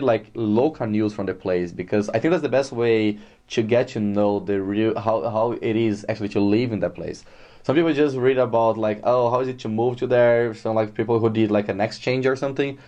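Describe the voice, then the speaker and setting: Low, mellow Brazilian man chatting. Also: dull audio. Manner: relaxed, chatty, many fillers. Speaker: guest. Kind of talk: casual interview. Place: Dublin.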